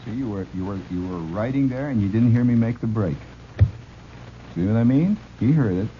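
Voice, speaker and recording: A man's voice: on the low side, brisk, slight background noise. A man from Illinois, a radio host telling a rambling story with laughs and restarts. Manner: animated, laughing, full of restarts. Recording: dull lo-fi radio recording.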